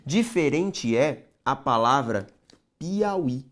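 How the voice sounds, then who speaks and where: A man's voice: medium pitch, expressive, very slow, a bit bright. A man teaching a grammar lesson, stretching key words and checking in with the viewer.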